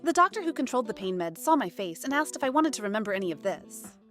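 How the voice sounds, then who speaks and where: A woman reading online stories aloud as a narrator, in an expressive way. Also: on the high side, fast talker, soft background music. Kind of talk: scripted narration.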